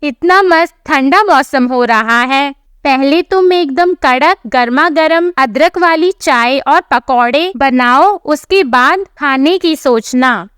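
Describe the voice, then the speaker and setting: Woman doing cranky young husband, snapping at his wife, high voice, dry. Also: takes it slowly, hardly any pauses, fairly bright tone, dry recording. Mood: playful. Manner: scolding, exasperated. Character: young man, irritable hungry husband.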